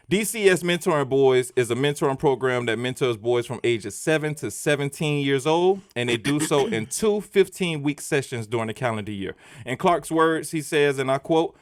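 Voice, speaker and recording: A man's voice: mid-range voice, no room sound. A man with a South Florida accent co-hosting a podcast, joking and teasing in casual chat. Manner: joking, animated, teasing, laughs often. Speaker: podcast co-host.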